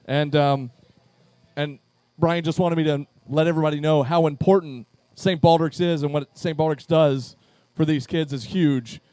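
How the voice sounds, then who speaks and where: A man works as emcee at a live charity event in a pub and calls people up to chairs by name. He sounds upbeat and talks on a handheld mic. His voice sits high for a man, and the sound is dry and close. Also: fairly even intonation, normal speed, warm tone, dry recording. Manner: upbeat, calling names to chairs.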